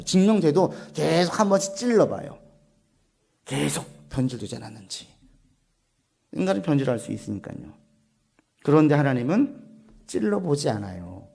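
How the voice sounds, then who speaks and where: In a church sanctuary, a male pastor preaches a sermon, posing questions to the congregation and answering them himself. He drops to a soft, low voice on key points, and there's vocal fry in his speech.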